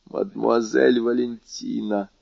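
A man's voice: mid-range voice, fairly even intonation, unhurried, creaky, darkish tone, dry recording. A man voicing a dying old servant, pleading cries. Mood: weak. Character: old male servant, poisoned, dying in agony. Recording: dull dry lo-fi recording.

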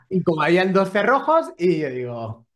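A man co-hosts a casual podcast and tells a long story. His pitch climbs and falls a great deal, and he acts out the dialogue as he goes. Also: big pitch swings, moderate pace, a crowd in the background. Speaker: podcast co-host.

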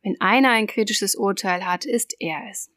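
A woman voicing a drunken, boastful man with a cold who fancies himself a wine expert, speaking loudly and scoffing. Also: medium pitch, moderate pace, dry recording, studio quality, lightly acted. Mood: incredulous. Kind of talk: audiobook character voice.

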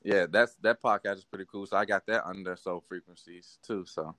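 Deep-voiced and fairly quick, with no echo, a Washington, D.C. hip hop artist in his thirties talks as a podcast guest. The conversation is casual, and his manner is laid-back and meandering, heavy on fillers.

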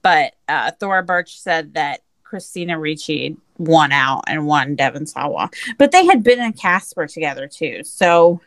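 A woman's voice: low-pitched, lively intonation, measured pace, hardly any pauses, dry recording. A woman co-hosting a casual movie podcast, blunt and swearing freely. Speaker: podcast co-host. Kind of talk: casual chat.

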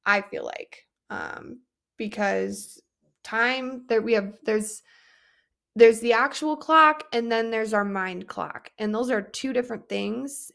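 A woman's voice: medium pitch, fairly bright tone. A young woman hosting a personal podcast and coaching other women, telling a story in an earnest, reflective way and often repeating words as she thinks. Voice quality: vocal fry.

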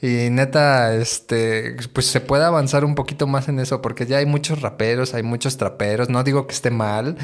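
Podcast host: young male, central Mexican accent, medium pitch, casual frat-bro slang, supportive. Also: fairly even intonation, moderate pace, few pauses. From Puebla, Mexico. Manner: slangy, bro-like, hyping up his guest.

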